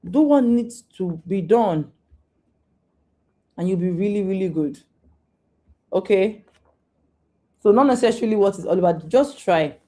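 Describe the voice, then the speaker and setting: A woman's voice: mid-range voice, animated, a little slow, pauses often, warm tone. A woman answering questions in a live online session, talking informally with repeats and restarts in a coaching tone. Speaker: guest speaker on data careers. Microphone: video call.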